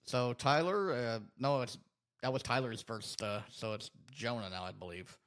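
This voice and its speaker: A man hosting a casual film podcast, reading out matchups a bit haltingly before chatting loosely. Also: mid-range voice, a bit bright. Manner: reads titles aloud haltingly, then talks loosely.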